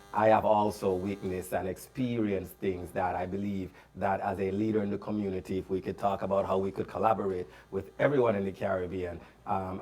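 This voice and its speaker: A man's voice: low voice, a little mellow. A man with a Jamaican accent, a community leader, speaking as a polite panel guest. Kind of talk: casual panel talk.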